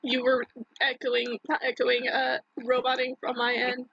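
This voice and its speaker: A woman playing in a tabletop game, chatting casually, excitable and quick to swear when surprised. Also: high-pitched, gravelly, breathy edge, dry recording, muffled recording. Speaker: player.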